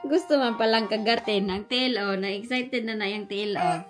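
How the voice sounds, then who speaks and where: A woman chatting to her pet in playful baby talk, coaxing and scolding it. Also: mid-range voice. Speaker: vlogger. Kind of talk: casual chat with a pet. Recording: noisy, with a vehicle heard behind.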